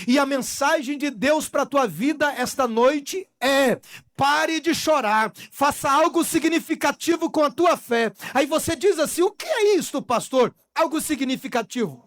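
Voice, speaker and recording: Middle-aged pastor, repeating exhortations. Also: male voice, very high-pitched, no echo, clean studio sound. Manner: repeats exhortations, swinging from shouted to hushed. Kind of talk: live church sermon. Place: church service before a congregation.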